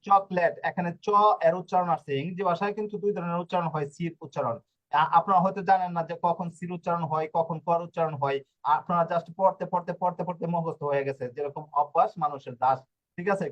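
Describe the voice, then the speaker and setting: A man's voice: high-pitched, muffled recording. A man teaching a language lesson, going over each letter again and again and often stopping to check that students follow. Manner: repetitive, stops to ask "ঠিক আছে?". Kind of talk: teaching Italian letters to Bengali speakers.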